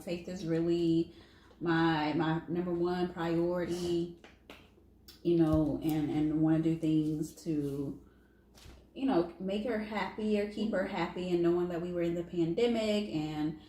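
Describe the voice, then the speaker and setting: Lower-voiced middle-aged woman, echoey room. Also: steady tone, a little slow, warm tone. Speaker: parent co-host. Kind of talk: casual chat. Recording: echoey room with faint noise.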